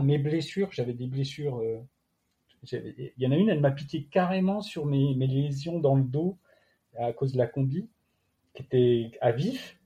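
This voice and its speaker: A man with a French accent, a guest athlete telling his story casually in an interview, halting with many fillers and restarts. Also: medium pitch, warm tone.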